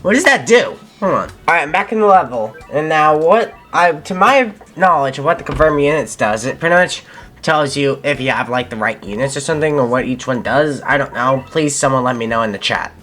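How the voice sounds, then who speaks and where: This young channel host's gameplay commentary is casual and a little fast, delivered in a medium-pitched voice that is expressive, bright and forceful. He thinks aloud and corrects himself mid-sentence, with faint game music behind him.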